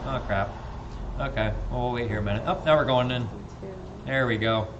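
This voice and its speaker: Male auctioneer on a live stream; steady repeated bid chant, friendly asides, light noise underneath. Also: mid-range voice, brisk, highs cut off.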